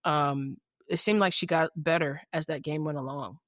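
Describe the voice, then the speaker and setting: In clean, studio-quality audio with no room sound, a woman speaks in a low voice with fairly even intonation at a moderate pace. She's a podcast host and player, rambling through casual football talk with many restarts and repeated "you know what I'm saying".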